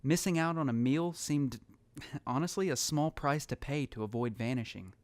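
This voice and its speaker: In this scripted first-person audio drama, a man plays a lonely, haunted survivor recounting his story in a somber, reflective manner, and the mood is thoughtful. His voice is medium-pitched and close to an everyday voice, delivered at a moderate pace. The recording is dry, with music in the background.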